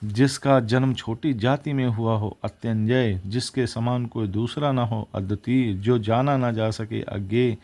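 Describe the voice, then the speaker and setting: A man's voice: mid-range voice, steady tone, measured pace, a little mellow. A man teaching exam vocabulary, reciting words and their opposites one after another and correcting himself as he goes.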